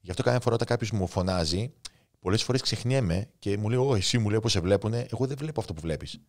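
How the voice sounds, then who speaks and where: A man in his thirties with a Cypriot Greek accent and a lowish voice tells his own story on a podcast. He talks in an impulsive, heartfelt, spontaneous way, full of emotion. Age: 30s. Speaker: guest author and coach. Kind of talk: casual interview chat.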